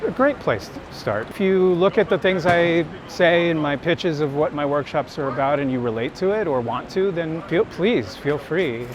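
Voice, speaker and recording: A street photographer and teacher talks casually and reflectively while walking along a busy city street, earnest, candid and introspective. His voice is a little high with lively intonation, a moderate pace and few pauses. The recording has its highs cut off and is noisy with traffic, street ambience and vehicles.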